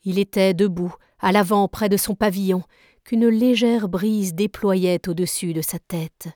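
A woman reading a classic novel aloud in a measured, even narration. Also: mid-range voice, dry recording, clean studio sound. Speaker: reader. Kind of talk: literary read-aloud.

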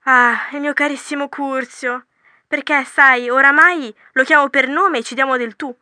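A woman's voice: high voice, fairly even intonation, normal speed, sharp tone, dry recording. A woman playing a gushing student leaving a voicemail. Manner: breathless, gushing, exclamatory. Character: excited young female student gushing on the phone. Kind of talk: scripted language-course dialogue.

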